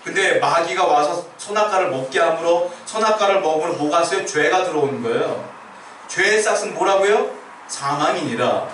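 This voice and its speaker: A man's high, a-bit-bright voice carries through a church sanctuary as he preaches. This pastor lays out his points step by step and asks the congregation questions, captured by a distant mic with roomy sound and slight background noise.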